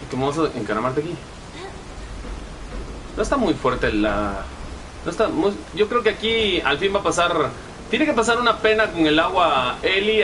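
A man's voice: a little high, background noise. A young man with a Guatemalan Spanish accent giving profane, chatty live gameplay commentary and reading chat messages aloud. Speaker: gaming streamer.

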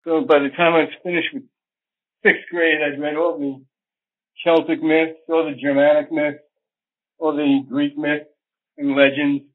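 A man's voice: fairly high pitch, flat delivery, a little slow, long pauses. A man guest recalling his youth in a reflective, rambling way, heard on an old archived radio recording. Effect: old archived radio interview recording. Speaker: interview guest, astrologer. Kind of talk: relaxed storytelling in an interview. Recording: tinny phone-like old recording.

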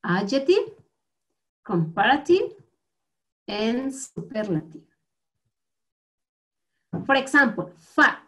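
A woman teaching English grammar to schoolchildren in Guatemalan Spanish, slow and patient, repeating words for the class to copy. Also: a little high, very animated, fairly bright tone.

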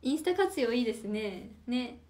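A woman's voice: fairly high pitch, lively intonation, normal speed, mellow. A young woman of about nineteen chatting casually on a livestream, reading out viewer comments and playfully teasing them back. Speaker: idol livestreamer.

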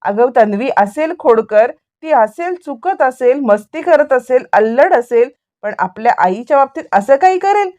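A woman's voice: high voice, animated, normal speed, few pauses, a little mellow. Woman voicing a worried protective father. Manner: anxious pleading questions.

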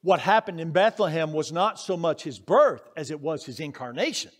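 A middle-aged male pastor preaching a sermon in a church. He moves between loud, emphatic preaching and quiet, confiding personal stories. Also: fairly high pitch, lively intonation, normal speed. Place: church sanctuary.

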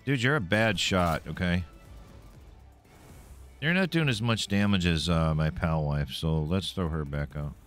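A man's voice: low voice, a little slow, a bit bright, soft background music. A man streaming a game live, commenting casually, swearing freely and taunting the enemies he fights.

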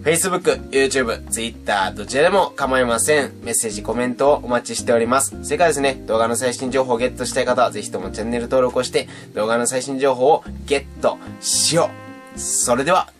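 In a casual video lesson on his channel, a young man from Japan teaches beatboxing, chatting in an animated way and demonstrating the sounds. He speaks fairly quickly in a mid-range voice, with soft music playing in the background.

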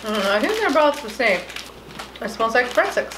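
A woman's voice: a little high, sing-song, moderate pace. A mother in a family vlog, chatting about flavors and coaxing her kids to take a bite. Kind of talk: casual snack taste-test chat. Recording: echoey room, faint hiss.

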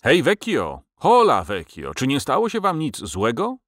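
A man voicing a bold, cheerful young rider who calls out loudly in a storybook reading. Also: fairly high pitch, very animated, normal speed, no room sound, studio quality, pitched above the performer's own voice. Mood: hearty calling.

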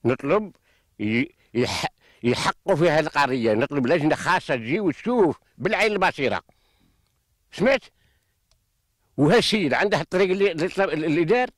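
Fast-talking older western Algerian man, aggrieved. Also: fairly high pitch, very animated, a bit bright, no echo, clean studio sound. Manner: aggrieved, insistent, repeats himself. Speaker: farmer. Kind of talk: impassioned on-location testimony. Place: outdoors in open farmland. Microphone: handheld reporter microphone.

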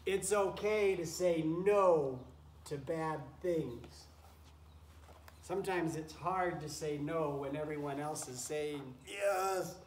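Slow and on the high side, a man's voice carries through a wooden barn pen with straw as he reads a picture book aloud to children like a teacher. He keeps up encouraging chatter and stops for asides to the goats and chickens. The audio, from a camera a few feet away, is roomy and noisy.

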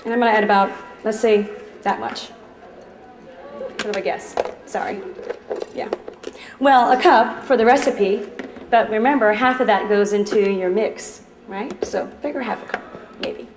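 A woman in her thirties from Trinidad, working as a chef, leads an upbeat live cooking demo in a department store demo kitchen, bantering with the crowd. She talks at normal speed with a medium pitch and pauses often. Background noise and store-floor echo are audible.

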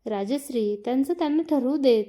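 A woman voicing a calm, practical elder brother who speaks matter-of-factly. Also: high voice, a little fast, lightly acted.

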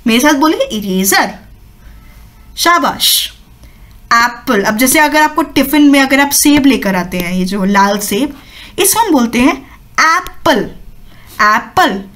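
धीमे बोलने वाली ऊँची आवाज़ की शिक्षिका. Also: female voice, high voice, lively intonation, a bit bright. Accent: Indian English. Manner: patient, repeats each word slowly for children to copy. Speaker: teacher. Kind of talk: children's vocabulary lesson.

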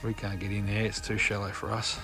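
An Australian man giving a relaxed, chatty running commentary from a catamaran, filmed on a phone. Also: lowish voice, brisk, vocal fry, music in the background. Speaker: sailing vlogger. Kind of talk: casual narration on a boat. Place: on a catamaran outdoors.

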